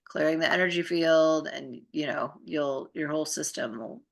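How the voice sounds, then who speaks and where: Deep and gravelly, a woman's voice moves at a moderate pace as she appears as a talk guest, explaining energy practices in a relaxed, informal chat.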